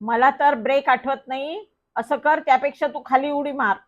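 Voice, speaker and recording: A woman's voice: high voice, fairly even intonation, moderate pace, close to an everyday voice. A woman voicing a careless, playful young boy who is a friend in a storybook, speaking in an offhand, teasing way. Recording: dull lo-fi recording.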